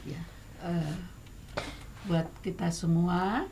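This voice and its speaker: A middle-aged woman with an Indonesian accent, talking as a guest songwriter in a casual talk show chat, hesitant with many fillers but lively and emphatic. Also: on the low side, extremely slow, a little hiss or hum. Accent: Indonesian, Batak.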